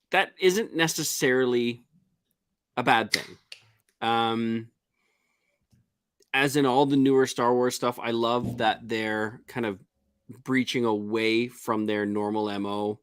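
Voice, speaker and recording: A male co-host in a casual live review chat. He shares his opinions plainly and at a relaxed pace. His voice sounds dry and close, with no room echo. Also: medium pitch, slow pace, pauses often, clear, resonant tone.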